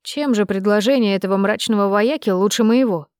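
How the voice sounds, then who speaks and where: A woman's voice: medium pitch, a little fast, darkish tone, dry recording, clean studio sound, lightly acted. A woman voicing a charming, sly, flirtatious male lord in an audiobook, with a purring, playful manner. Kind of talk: audiobook character reading.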